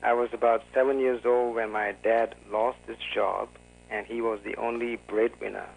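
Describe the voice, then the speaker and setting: A man from Singapore, a guest author, answering calmly and a bit formally in an interview. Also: mid-range voice, normal speed, vocal fry, a little hiss or hum, rough recording. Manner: calm, careful and formal. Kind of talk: conversational interview.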